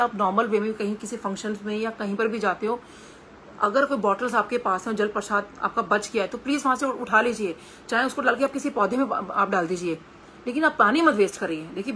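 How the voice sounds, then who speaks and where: A woman's voice: a little high, fairly bright tone, a little hiss or hum. A middle-aged woman with an Indian Hindi accent, giving a devotional satsang talk full of personal stories, speaking earnestly with conversational hesitations.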